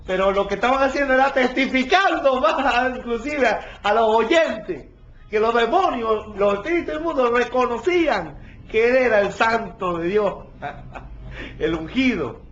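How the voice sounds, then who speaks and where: A man's voice: extremely high pitch, expressive, a little slow, fairly bright tone. A male pastor teaching a Bible study verse by verse, stopping often to check that his listeners follow. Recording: dull lo-fi recording with faint ambience.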